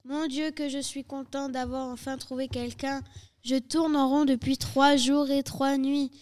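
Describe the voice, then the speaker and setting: A woman voicing a worried, gloomy old male badger in a storybook reading, speaking in a lowered, fretful voice. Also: level tone, a little slow, darkish tone. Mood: anxious relief.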